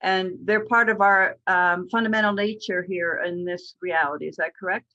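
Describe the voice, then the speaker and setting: Brief: questioner, bright tense voice, hesitant and polite, dull lo-fi audio. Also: medium pitch, steady tone, moderate pace. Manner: friendly and tentative, with fillers. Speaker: questioner in a session.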